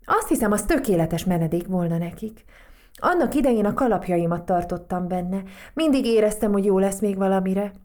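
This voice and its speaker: A woman's voice: medium pitch, expressive, darkish tone, close to an everyday voice. A woman voicing a fretful, kindly witch in a storybook reading, worried and earnest. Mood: thoughtful.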